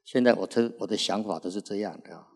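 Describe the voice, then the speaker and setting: A man in his sixties, a Buddhist monk, gives an unhurried sermon and fills his pauses with long, drawn-out "ah" sounds. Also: lowish voice. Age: 60s. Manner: unhurried preaching, frequent drawn-out "ah" fillers. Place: Buddhist recitation hall. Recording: reverberant hall recording.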